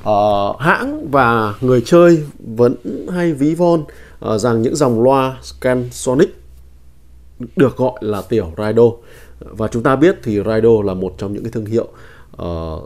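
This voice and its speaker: A man's voice: fairly low pitch, gravelly, warm tone. A man presenting speakers for an audio shop, talking politely with many fillers and self-corrections. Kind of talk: product presentation.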